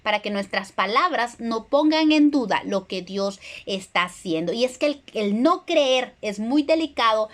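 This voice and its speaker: A woman's voice: a little high, expressive, normal speed, few pauses. A middle-aged woman preacher delivering an earnest sermon, retelling scripture and acting out the quoted voices.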